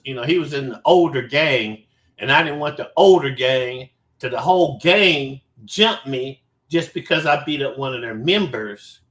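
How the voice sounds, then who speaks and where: A man's voice: on the high side, sharp tone. A man telling a story about his childhood in a casual way. He talks bluntly, swears a lot and rambles. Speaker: show host. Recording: roomy echo.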